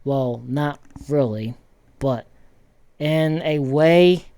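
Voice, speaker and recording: A man casually rambling through football commentary with many pauses and restarts. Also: fairly high pitch, dark tone, clean tone, no echo. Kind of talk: casual sports commentary vlog.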